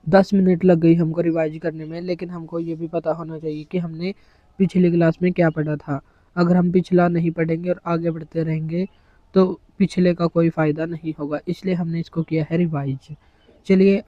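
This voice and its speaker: Male teacher, slightly high voice, lecture delivery, dry muffled recording. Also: no echo. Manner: explains in Hindi mixed with English terms, lists items one by one. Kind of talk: exam-prep lecture.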